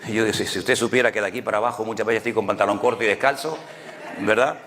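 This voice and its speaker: A man's voice: on the low side, rapid-fire, a bit bright, big-room sound, slight background noise. A man preaching a sermon in Canarian Spanish, telling stories in a conversational way and often asking rhetorical questions. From Canary Islands. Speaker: pastor.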